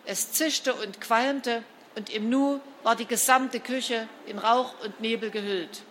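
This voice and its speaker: A woman narrating a children's storybook in an expressive, lively reading style. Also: fairly high pitch, slow pace, slight background noise. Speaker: storybook reader.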